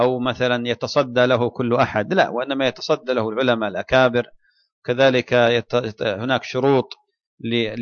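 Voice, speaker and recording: A man, an Islamic scholar, answering listeners' questions in a religious lecture, measured and deliberate with frequent restarts. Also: mid-range voice, no echo, highs cut off.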